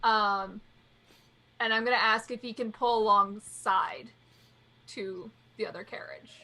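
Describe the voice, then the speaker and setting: A woman's voice: medium pitch, steady tone, unhurried, bright, forceful tone, poor audio. A woman playing a tabletop game, asking polite, tentative questions. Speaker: player. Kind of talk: casual tabletop play.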